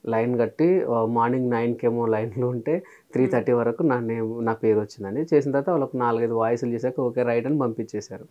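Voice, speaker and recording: A man's voice: medium pitch, highs cut off. A man in his thirties, a comedian and mimicry artist, telling stories as an interview guest. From Telangana, India. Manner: lively storyteller, quick, acts out quoted lines. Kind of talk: casual interview chat.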